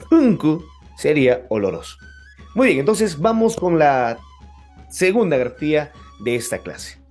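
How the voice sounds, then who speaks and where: A man teaching a pronunciation lesson, repeating each example word slowly and clearly. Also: mid-range voice, a little mellow. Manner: slow, drawn-out repetition of example words. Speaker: language teacher.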